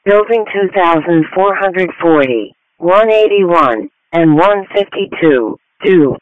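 A man's voice: high-pitched, lively intonation, slow, no echo. A man's voice reading formal fire dispatch announcements in separated phrases over radio. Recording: narrow, tinny radio channel.

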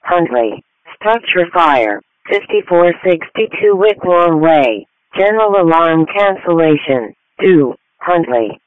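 A man reading out emergency dispatch calls in a slow, clipped, flat-cadence readout, heard over a police-style dispatch radio. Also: on the high side, no room sound. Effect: dispatch radio over a scanner. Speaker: automated fire dispatch announcer. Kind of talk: repeated tone-out call readout. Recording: tinny, dry radio scanner audio.

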